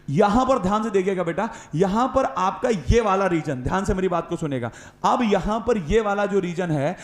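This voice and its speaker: A male biology teacher with a high voice and a north Indian accent leads a classroom lecture, firing questions and repeating the answers back in a call-and-response drill. His voice rings around an echoey classroom. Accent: Hindi-speaking north Indian. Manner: repeats questions and answers, calls listeners beta and sir.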